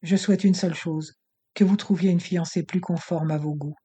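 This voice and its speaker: Defiant young woman, cold, firm, contemptuous, lifted pitch, voiced by a man. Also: steady tone, normal speed, dark tone, husky.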